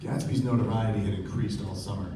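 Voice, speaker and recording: On a live stage, a man with a fairly low, steady, natural voice narrates briskly as a reflective young man recalling wealthy friends, reading scripted literary prose for a radio play. The recording is distant and echoey, with music playing behind him.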